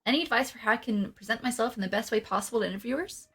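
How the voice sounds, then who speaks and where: Bright, jokey woman hosting a livestream. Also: fairly high pitch, racing, breathy edge, faint music behind. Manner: jokey, giggly, mock-professional. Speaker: livestream host. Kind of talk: casual comedic livestream chat.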